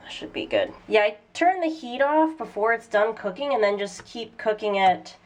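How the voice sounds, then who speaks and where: A young woman chats upbeat and casually as she films a cooking vlog in a small apartment, indoors in the room and kitchen. Her voice is fairly high, very animated and moderately paced, though congested and stuffy. She laughs a lot.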